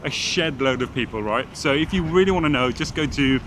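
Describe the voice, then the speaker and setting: Brisk and fairly bright, the mid-range voice comes from a middle-aged Welsh stylist with a hint of Geordie in his accent. He talks casually and confidently about his fashion work outdoors on a city street, recorded on a phone by the person filming, street noise audible.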